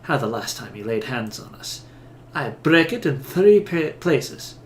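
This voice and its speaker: A man voicing a fiery awakened soul, a woman, snarling and slow. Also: medium pitch, very animated, slight background noise. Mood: taunting. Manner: snarling, drawn-out. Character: fiery awakened female soul, Scottish-tinged.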